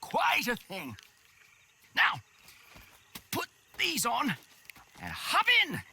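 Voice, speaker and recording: An actor playing an eccentric, old-fashioned gentleman balloon pilot in a game, chattery and effusively, oilily polite. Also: very high-pitched, huge pitch swings, very slow, gravelly, slightly rough, exaggerated voice. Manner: oily, effusive politeness, repeating courtesies. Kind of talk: theatrical game character acting. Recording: loud music over the voice.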